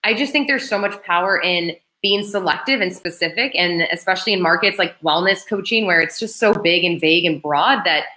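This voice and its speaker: Woman, marketing coach, casual chat, animated, filler-heavy, lower pitch, bright tone. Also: a little fast, few pauses. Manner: chatty and animated, full of "like" fillers.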